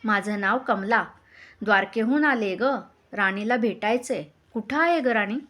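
A woman voicing a poor, proud old beggar woman who speaks softly with a cough in a folk tale. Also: medium pitch, measured pace, lightly acted. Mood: weary. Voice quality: soft voice with coughing.

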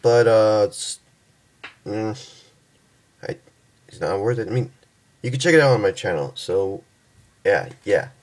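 A young man casually reviewing and transforming a toy figure, halting and stumbling over his words, tired from just waking up. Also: on the low side, lively intonation. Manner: halting, stumbles and restarts often.

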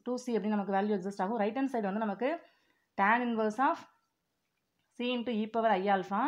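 A woman teaching an exam-prep maths lesson, working through formulas step by step and reading each term slowly and deliberately. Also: a little high, muffled recording.

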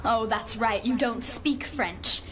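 A woman's voice: fairly high pitch, slow pace, a bit bright. An actress playing a condescending, snobbish teenage girl in a board game video. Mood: haughty. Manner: haughty, condescending.

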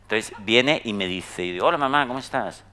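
A middle-aged man from Spain with a Spanish accent, giving a talk to an audience in a chatty, storytelling way, often tagging his sentences with quick questions. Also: medium pitch. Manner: conversational, tag questions, lively storytelling. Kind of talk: anecdotal talk to a live audience.

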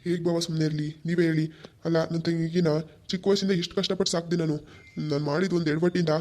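A man's voice: a little high, level tone, quick pace, a little mellow, lightly acted. A man voicing a regretful older brother who sorrowfully pleads about his estranged sister.

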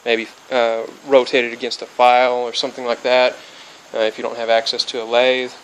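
A DIY hobbyist in his twenties, a bit sick and spacey, gives a casual how-to on a backyard build by a car, then under a metal-roofed shed, speaking a little fast at middle pitch in an even, flat way. He rambles and loses his thread, filling gaps with "uh," restarting and correcting himself. Faint crickets and insects hum behind the close camera mic on this low-quality recording.

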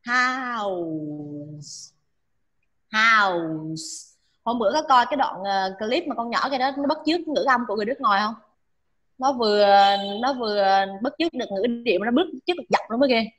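A woman's voice: a little high, fast talker. A woman teacher drilling English pronunciation with a class, repeating each sound for students to echo and checking in often.

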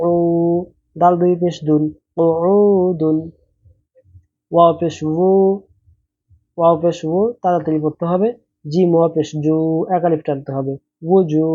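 A man's voice: on the high side, mellow, no room sound, highs cut off. A man with a Bangladeshi Bengali accent teaching Quran reading, patiently spelling out each letter and vowel sign step by step.

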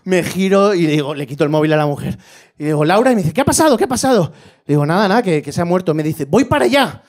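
A man doing a stand-up comedy set on a club stage, telling stories in an animated way and breaking into loud impressions of his family. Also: a little high, quick pace. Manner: animated storytelling, shifting into shouted impressions of family.

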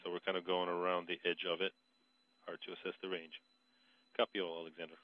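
A man aboard the station speaking in halting, technical radio calls over a muffled transmission. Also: low-pitched, completely flat delivery, a little hiss or hum. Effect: muffled space-to-ground radio transmission. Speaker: station crew member. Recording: dull lo-fi radio link.

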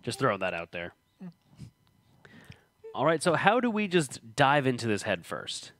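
A man hosting a tabletop game session, reading story text aloud with a lively, swooping pitch. His delivery is playful and expressive, and the sound is dry and close with no room echo. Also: measured pace. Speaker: show host.

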